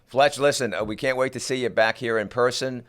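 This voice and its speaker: A man's voice: medium pitch, steady tone, fairly quick, fairly bright tone, smooth. A man hosting a talk show, chatting with his guests in an upbeat, playful way. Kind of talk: casual interview chat.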